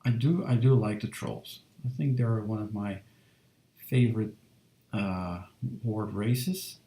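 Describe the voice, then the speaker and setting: A thirties-aged man streams himself drawing fan art, chatting easily with viewers and reading their messages aloud. His lowish voice is dark and mellow with a gravelly edge, soft, relaxed and unhurried, and his loose talk is packed with fillers. The roomy home studio gives the audio a noticeable echo.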